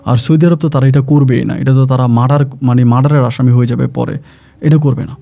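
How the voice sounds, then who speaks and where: A man's voice: mid-range voice, fairly even intonation, fast, vocal fry, dark tone. A man telling a story from his own life as a worker, in a rambling way that often repeats itself. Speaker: migrant worker gardener. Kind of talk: casual first-person storytelling.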